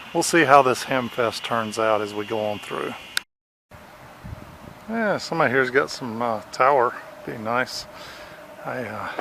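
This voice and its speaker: A middle-aged man walks an outdoor fairground with a camera mic, talking in a halting way with lots of fillers. His voice sits mid-range with a gravelly edge. Faint outdoor ambience and passing vehicles sit behind him. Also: medium pitch, pushed and bright, slight background noise. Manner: halting, lots of "uh" fillers, enthusiastic about finds. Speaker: vlogger at a hamfest. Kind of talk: casual walkaround vlog. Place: outdoor fairground flea market.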